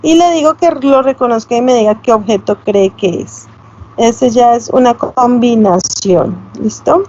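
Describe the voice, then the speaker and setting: Woman, high voice, patient teacher, slightly muffled lo-fi recording. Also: measured pace, a little mellow. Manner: explanatory, checks with tag questions. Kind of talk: online class lecture. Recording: slightly dull, lo-fi sound.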